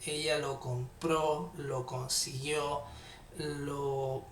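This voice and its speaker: A man teaching English in a live online class, patiently repeating phrases slowly. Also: a little high, little pitch movement, fairly bright tone, distant mic, slight background noise. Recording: echoey room, off-mic.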